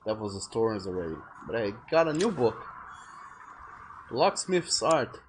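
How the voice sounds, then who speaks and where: Streaming a video game, a man from France keeps up a chatty, meandering running commentary, often correcting himself midway through sentences. His fairly low voice is very animated yet unhurried, with slight background noise.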